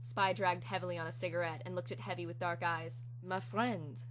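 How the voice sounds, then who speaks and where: A woman's voice: lowish voice, flat delivery, fast talker, fairly bright tone. A woman giving a theatrical, hammy dramatic reading of fan fiction as its narrator. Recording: clear hum and background noise.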